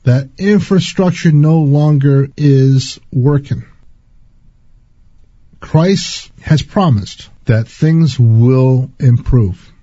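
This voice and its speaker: Brief: man, deep mellow husky voice, slow and earnest spiritual testimony, dull muffled recording. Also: no echo.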